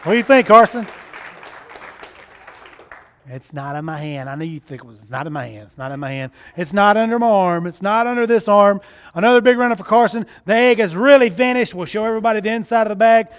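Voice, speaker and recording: Performing with a child volunteer, a magician from Mississippi delivers showy, jokey kids'-show patter in a Southern US accent, like a party magician. His high-pitched voice is smooth and a little fast, and a faint crowd is audible.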